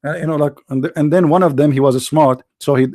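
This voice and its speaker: A man's voice: on the high side, steady tone, brisk, mellow, no room sound. Mocking man with a dry, close sound. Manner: mocking, anecdotal storytelling; non-native English grammar. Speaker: livestream debate host. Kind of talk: live online debate commentary.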